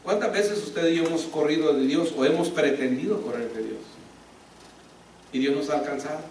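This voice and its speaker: A man's voice: on the high side, moderate pace, a little mellow, a little hiss or hum. A man preaching a sermon, pressing his points with rhetorical questions. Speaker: pastor. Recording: echoey hall, speaker far from mic.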